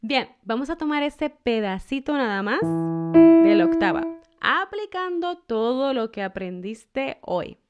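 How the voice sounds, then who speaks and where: A woman singing teacher with a slightly high voice leads a lesson, counting in and modelling each sound. She talks slowly and deliberately. Loud piano plays under her throughout. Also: lively intonation, lo-fi sound. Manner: counts in and demonstrates sung and spoken syllables. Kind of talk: guided vocal exercise lesson. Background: piano accompaniment.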